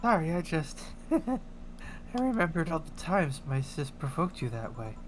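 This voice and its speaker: A woman's voice: deep voice, big pitch swings, a little slow, slight background noise. A woman voicing a teasing, curious young woman in a video game, in a casual, playful way. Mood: amused. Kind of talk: hobby video game voice-over.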